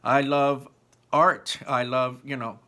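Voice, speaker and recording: Taking the novel at a slow pace, a man with a mid-range voice reads aloud in an expressive, emphatic way, much like a teacher. It's informal, with personal asides mixed in.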